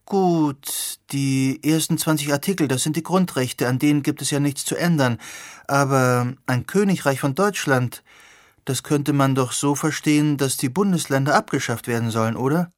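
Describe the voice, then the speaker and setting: A man voicing an excited young woman who asks eager, probing questions. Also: mid-range voice, normal speed, dry recording, studio quality, natural voice. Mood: questioning.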